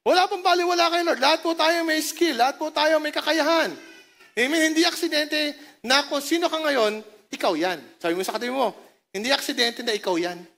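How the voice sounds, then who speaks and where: Her voice sits high with a fairly bright tone as this Filipino-accented woman pastor delivers a sermon at a church service. Quick phrases in mixed languages run through her preaching, along with jokes for the congregation and repeated calls for them to respond.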